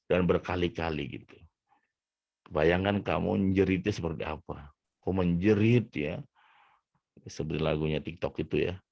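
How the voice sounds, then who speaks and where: A man who is a motivational coach, telling a story in an animated way during a talk. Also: low-pitched, dry recording. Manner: animated, acts out voices in his story. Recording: dull, muffled sound.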